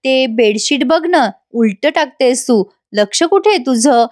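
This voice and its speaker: High-pitched, wondering, young husband voiced by a woman narrator. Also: lively intonation, unhurried, no room sound, studio quality. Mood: puzzled. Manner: wondering inner monologue. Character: puzzled young husband, worried.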